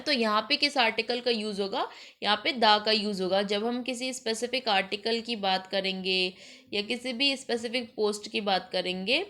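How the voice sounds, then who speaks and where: Woman, grammar teacher, exam-prep lesson, Hindi mixed with English, slow deliberate delivery. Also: on the high side, sharp tone. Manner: explains in Hindi mixed with English, reads example sentences slowly.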